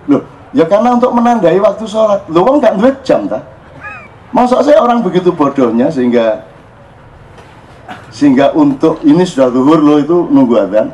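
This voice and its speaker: Guy preaching to a crowd, jokey, bit high voice, acts stuff out, faint noise behind. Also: rough recording. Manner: lively, joking, switches into Javanese phrases, acts out exclamations. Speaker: religious speaker at a public gathering. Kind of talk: informal religious talk to a crowd. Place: open-air public gathering.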